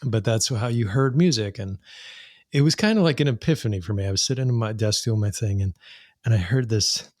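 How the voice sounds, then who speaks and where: A middle-aged man, a singer-songwriter guest on a podcast, telling his story with animated delivery, frequent laughs and imitated sounds. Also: on the low side, fast, dry recording, clean studio sound.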